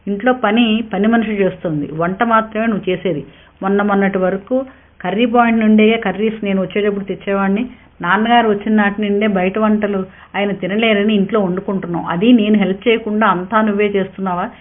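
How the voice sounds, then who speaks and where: A woman's voice: mid-range voice, steady tone, fast, lightly acted. A woman voicing a stubborn young husband who speaks curtly and reproachfully. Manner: curt, reproachful. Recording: tinny narrow-band sound.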